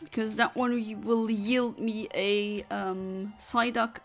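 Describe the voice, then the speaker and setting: A woman's voice: medium pitch, level tone, slow, soft background music. A woman from southern Luxembourg, chatting casually on a gaming livestream, rambling as she reads out and answers chat. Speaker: streamer.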